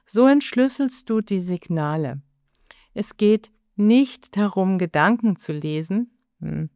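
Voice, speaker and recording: A woman giving a scripted lesson in a calm, measured way, speaking directly to the listener as a communication trainer. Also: mid-range voice, clean tone, dry recording, clean studio sound.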